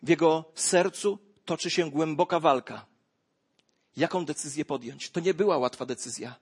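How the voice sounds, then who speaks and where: Husky male preacher, dramatic storytelling. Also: on the high side, normal speed. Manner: dramatic storytelling, swinging from hushed to loud exclamations. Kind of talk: sermon.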